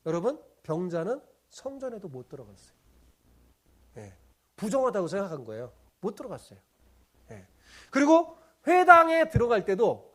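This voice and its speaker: A high-voiced male pastor preaching with a lively, swooping delivery. He poses question after question to his listeners and answers them himself. He keeps pulling the room along with little checking-in tags. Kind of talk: sermon.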